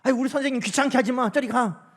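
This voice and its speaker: A man's voice: extremely high pitch, fast talker, a bit bright, pitched above the performer's own voice. A man acting out impatient male disciples who brusquely shoo people away. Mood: exasperated. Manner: brusque and exasperated.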